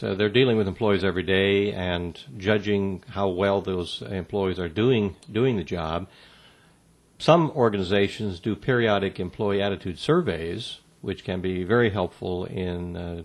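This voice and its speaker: Man, guest in an interview, low-pitched, measured delivery full of pauses and restarts. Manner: measured, halting, many fillers and restarts. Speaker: interview guest on workplace communication. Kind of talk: answering interview questions.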